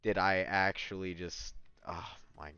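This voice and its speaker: A young man chatting excitedly with a friend while gaming, swearing often and laughing. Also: sits low, a little slow, clean tone, no room sound. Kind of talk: casual gaming chat. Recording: muffled lo-fi voice chat with faint music.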